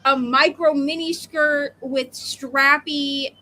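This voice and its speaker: High-pitched, bright, and forceful, this woman speaks slowly with fairly even intonation. In her thirties, she co-hosts a book readalong live show, rambling opinionatedly and tossing in emphatic asides.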